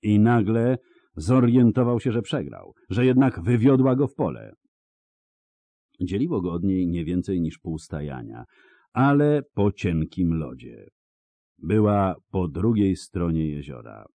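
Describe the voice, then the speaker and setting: A man reading a fantasy novel aloud as an audiobook narrator, in a dramatic, expressive storytelling manner. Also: sits low, unhurried, no echo.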